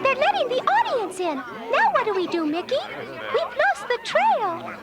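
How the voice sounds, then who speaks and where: A woman voicing a tiny, sweet, worried female cartoon mouse, squeaky and girlish, in a storybook read-along. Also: moderate pace, heavy background noise, full character voice. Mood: concerned. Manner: animated, girlish. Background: music, crowd.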